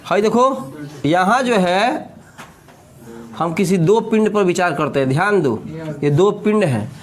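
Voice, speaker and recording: Joking high-voiced Bihari physics teacher. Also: male voice, animated, measured pace. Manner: joking, repeats questions to the class. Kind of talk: classroom lecture with jokes.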